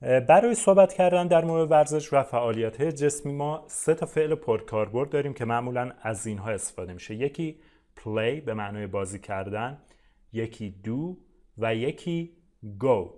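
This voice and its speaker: A man, a native Persian speaker, teaching an online English lesson. He explains in Persian with frequent "uh"s, then says each English example slowly and repeats it. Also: medium pitch, lively intonation, warm tone. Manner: often says "uh" and addresses viewers as "friends".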